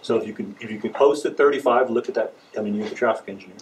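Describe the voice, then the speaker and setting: A man's voice: on the low side, racing. Man, town hall resident, wry, detailed, persistent questions, faint background noise. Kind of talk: public comment at a town hall. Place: meeting room, indoors.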